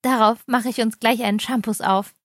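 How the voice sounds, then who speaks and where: A woman's voice: a little high, fairly even intonation, normal speed, no echo, lightly acted. A woman voicing a giddy, overexcited mother who teases and gushes. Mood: gushing. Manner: giggly, overexcited, teasing. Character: excitable gushing mother, woman.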